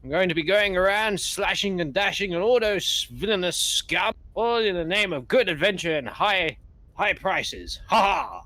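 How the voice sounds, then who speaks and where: A man puts on a boastful, swaggering male half-elf paladin general from a tabletop game, with a grandiose, announcing manner. The voice sits a little high and sounds bright and forceful. It is very dry, with almost no room sound. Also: lively intonation, normal speed, dry recording. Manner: grandiose, booming self-introduction. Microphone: voice call microphone.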